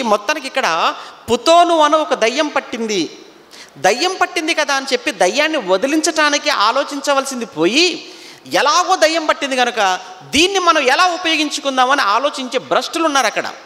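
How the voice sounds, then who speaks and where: A man's voice: very high-pitched, bright, forceful tone, big-room sound. A man preaching a sermon, telling the story and putting rhetorical questions to his listeners.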